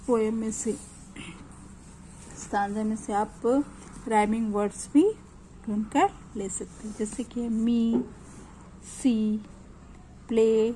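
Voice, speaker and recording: A woman teacher with an Indian accent who recites an English poem slowly, repeating each line, then explains it quickly in Hindi mixed with English. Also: mid-range voice, dark tone, a little hiss or hum, rough recording.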